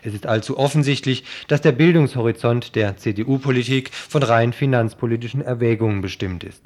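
A man's voice: mid-range voice, darkish tone. A man reading a scripted political commentary for radio.

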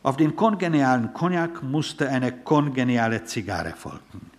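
A man reading a literary story aloud in a measured, wry storytelling manner. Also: mid-range voice, animated. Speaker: narrator.

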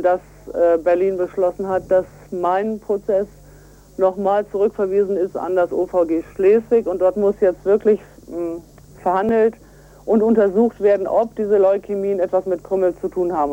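A woman takes part in a radio interview over the phone as an environmental activist, walking through her explanation step by step in an emphatic, earnest manner. Her voice is mellow and medium-pitched, with fairly even intonation and normal speed.

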